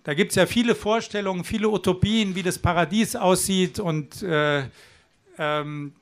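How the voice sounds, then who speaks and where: Addressing an outdoor demonstration, a southwestern German man makes an earnest case to persuade the crowd. His voice sits high, he keeps a normal speed, and he restarts now and then.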